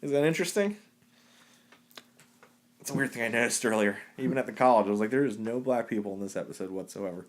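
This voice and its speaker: A man co-hosting a podcast in casual chat, animated and swearing casually, with swings between loud and quiet. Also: medium pitch, fast talker, long pauses. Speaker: podcast co-host.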